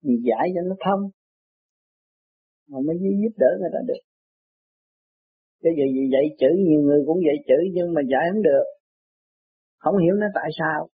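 An older man spins rambling stories and laughs often. His voice is husky and sits a little high for a man. It comes over a thin, tinny line with a dry sound. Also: a little fast, pauses often, no room sound. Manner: animated, laughs often, jumps high when quoting others. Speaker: self-styled teacher telling anecdotes. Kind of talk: rambling casual storytelling. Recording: tinny phone-like dry recording.

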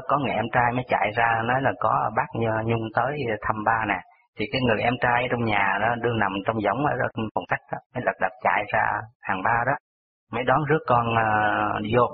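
Over a tinny radio phone line, a man with a medium-pitched, husky voice and a Southern Vietnamese accent recounts a personal story. As a caller to the show, he rambles and packs in details.

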